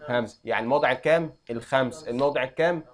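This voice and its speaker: A young adult man with an Egyptian accent, teaching an Arabic grammar lesson and quizzing students with quick questions. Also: mid-range voice. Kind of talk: classroom lesson.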